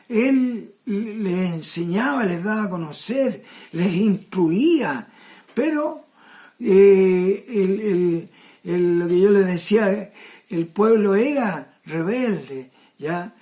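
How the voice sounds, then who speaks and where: A woman's voice: medium pitch, dark tone. A woman preaching a sermon to a congregation, checking in with them often and restarting her phrases. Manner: slow, repeats "¿ya?" and "hermano" to the congregation; restarts and repeated words.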